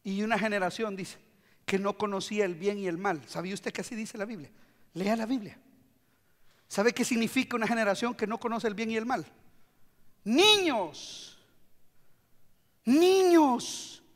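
A man preaching a sermon as pastor, animated, acting out quotes and swinging between hushed and loud. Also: sits high, a little fast. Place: church sanctuary. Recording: long hall reverb.

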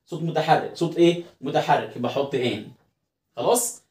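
A man's voice: on the high side, a little fast, a little mellow. A man with an Egyptian Arabic accent teaching an English lesson, asking rhetorical questions and answering them himself. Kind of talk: classroom lesson explanation. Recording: roomy echo.

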